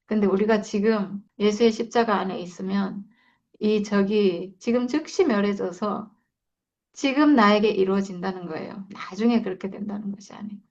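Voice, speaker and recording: A woman leads a Bible study, reading verses and explaining them reflectively, repeating and stressing her points. Her mid-range voice is a little mellow, and the lo-fi recording sounds slightly dull.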